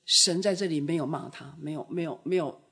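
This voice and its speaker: Husky-voiced woman preaching with drama. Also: sits low, a little fast. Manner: dramatic, acts out scripture voices, rises loud then drops soft. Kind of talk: sermon.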